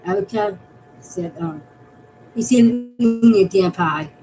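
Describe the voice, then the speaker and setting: A woman's voice: mid-range voice, a little slow, over music, poor audio. A woman from Massachusetts chatting casually about her fan theories, rambling and restarting her phrases as she goes. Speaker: fan vlogger.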